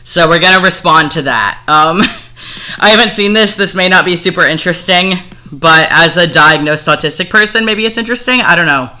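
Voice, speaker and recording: A man's voice: high voice, normal speed, pushed and bright. A man streaming casual commentary as he reacts to a video, talking bluntly and swearing freely, with some hesitant fillers.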